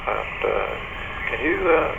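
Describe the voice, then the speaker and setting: A man speaking as a rescue helicopter operator over marine radio, in procedural phrases broken up by hesitant pauses. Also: expressive, gravelly, dull audio. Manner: hesitant, frequent uh between phrases. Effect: heard over a marine radio. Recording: noisy radio link with vehicle rumble.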